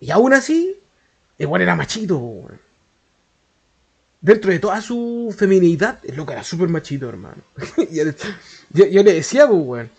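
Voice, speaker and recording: Slangy Chilean man, fairly high voice. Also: big pitch swings, normal speed, creaky, pauses often, darkish tone, husky. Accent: Chilean Spanish. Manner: slangy, profane, rambling with frequent laughs. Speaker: YouTuber. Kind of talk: casual storytelling.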